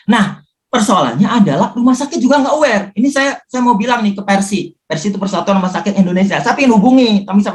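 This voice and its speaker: A man speaking in a casual talk, telling his own recovery story in an animated way and acting out the things people said to him. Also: high voice.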